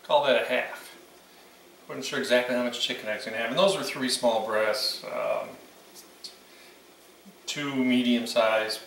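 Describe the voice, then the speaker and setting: The host of a home cooking channel, a man in his 60s, talks casually while working in his kitchen. His mid-range voice is a bit bright and creaky, a little slow, with long pauses. It's picked up by a camera several meters off, so there's roomy echo and faint kitchen noise.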